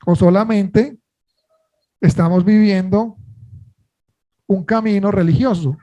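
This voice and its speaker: A man with a high voice and a mellow, warm tone preaches a sermon. He keeps asking the congregation questions and then answers them himself. He leans on important words by drawing them out slowly. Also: fairly even intonation. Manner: earnest, stresses key words by slowing down.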